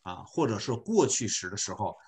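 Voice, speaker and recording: A man teaching an online beginner class, explaining slowly and patiently with many filler particles. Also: on the low side, very animated, darkish tone. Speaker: volunteer French teacher.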